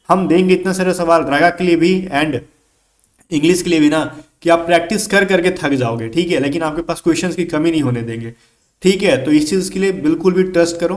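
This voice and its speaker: Chatty, higher-voiced man teaching English. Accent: Indian English. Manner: chatty and coaxing, poses students' questions himself. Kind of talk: exam-prep lecture.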